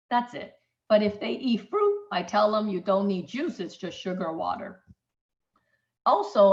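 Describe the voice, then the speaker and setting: A middle-aged Taiwanese doctor gives an informal webinar lecture, speaking emphatically and checking in with her listeners. Her voice is medium-pitched, and the audio sounds dull.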